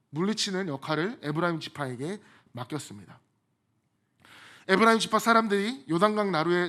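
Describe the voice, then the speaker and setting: A man with a high voice preaches a sermon. He keeps it conversational and drops in funny stories from his own life between the points he is explaining. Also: bright, forceful tone. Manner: conversational, with humorous personal asides. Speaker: pastor.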